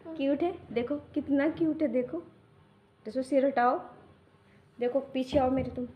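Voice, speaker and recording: A woman's voice: high-pitched, steady tone, moderate pace, lo-fi sound. A young woman, a mother, tells a casual home-vlog story in a rambling, homely way with many restarts. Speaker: mother vlogger.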